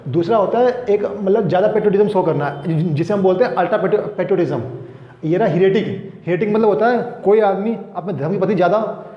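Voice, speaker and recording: A high-pitched man with an Indian accent explains English words in a loose, chatty classroom manner, often restarting and adding fillers. His voice rings with long reverb in a room. The recording sounds slightly dull. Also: quick pace. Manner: casual explaining, frequent "ठीक है" fillers and restarts. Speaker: English vocabulary teacher.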